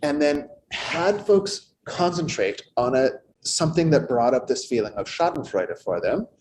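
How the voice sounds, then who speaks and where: A man giving a sermon as minister, in a conversational, playful way with animated asides. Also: fairly high pitch, moderate pace, slight background noise, rough recording. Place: church sanctuary.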